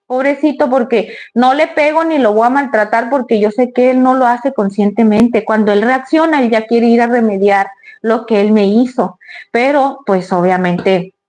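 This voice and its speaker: A woman's voice: on the high side, darkish tone. A woman, chatting to her viewers in a rambling, storytelling way. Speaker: vlogger. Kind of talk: casual storytelling to the camera.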